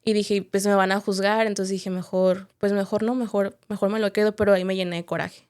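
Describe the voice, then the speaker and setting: A woman's voice: medium pitch, flat delivery, fairly quick, darkish tone, smooth. Candid woman telling her story. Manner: candid, reflective storytelling with frequent tag questions. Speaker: podcast guest. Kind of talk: personal testimony in a podcast interview.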